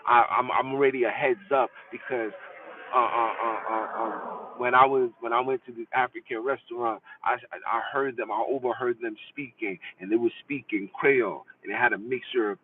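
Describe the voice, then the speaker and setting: A man's voice: mid-range voice, fairly even intonation, brisk. A man delivers a passionate, preachy podcast monologue, repeating his lines for emphasis. He sounds distant and tinny, like a phone recording, with a faint hiss underneath. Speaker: podcast host. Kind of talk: impassioned livestream monologue.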